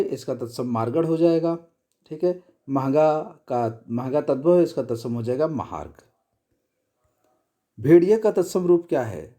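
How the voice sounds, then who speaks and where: A man with a very dark, mellow voice works through exam questions as a tutor. He explains each answer and then repeats the correct word, checking in often with short "okay"s. His pitch sits in an ordinary middle range. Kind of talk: exam prep lesson.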